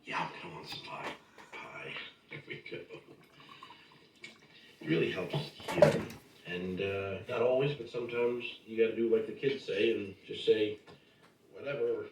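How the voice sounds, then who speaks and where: A man's voice: lowish voice, moderate pace, long pauses, natural voice. A middle-aged actor playing a sad, self-pitying man who mumbles mopily while comfort-eating. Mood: mopey. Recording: film clip, echoey, far off, loud noise.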